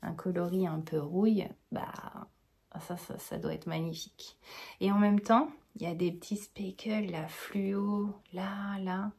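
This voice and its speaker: A woman with a warm, mellow voice hosts a casual knitting chat. She rambles cheerfully, full of enthusiasm. Now and then she drops to a soft whisper. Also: medium pitch, steady tone, measured pace, slightly rough. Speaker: knitting podcaster.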